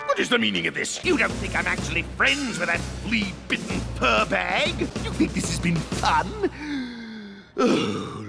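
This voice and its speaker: A man's voice: fairly high pitch, gravelly, exaggerated voice. A man playing a pompous, scheming, hot-tempered crocodile king in a cartoon, with grandiose, theatrical, blustering delivery. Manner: grandiose, blustering, florid wording. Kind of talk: theatrical cartoon villain acting. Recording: loud music behind the voice. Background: loud music.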